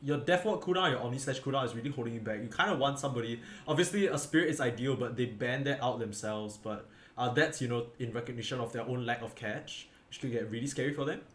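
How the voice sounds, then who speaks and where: Casting an esports match casually, a tired man yawns, rambles, and leans on fillers while fixing his words mid-sentence. He speaks fast at a medium pitch, and the echoey room carries faint background noise.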